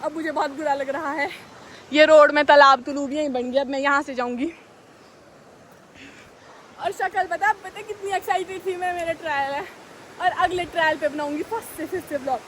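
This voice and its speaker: Chatty high-voiced young woman vlogging outdoors. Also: normal speed, fairly bright tone, a little hiss or hum, rough recording. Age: young adult. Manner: chatty, self-mocking, dramatic. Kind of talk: casual vlog talk. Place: outdoors on a road.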